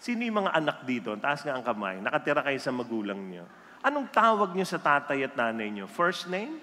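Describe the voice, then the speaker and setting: A man preaching a sermon, telling jokes in an animated storytelling way and mixing Filipino with English. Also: medium pitch, fairly quick, slight background noise. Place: church hall. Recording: reverberant hall.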